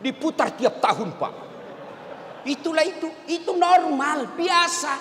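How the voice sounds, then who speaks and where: A man preaching a humorous sermon with an animated, joking manner and bursts of shouting. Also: extremely high pitch, unhurried, a little hiss or hum. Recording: echoey hall with long reverb.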